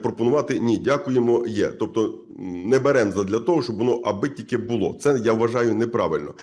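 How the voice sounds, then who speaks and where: A man from Ukraine, a community head, gives a conference speech in a halting, earnest way, full of filler sounds and restarts. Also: medium pitch, darkish tone. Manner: earnest, repeats himself for emphasis.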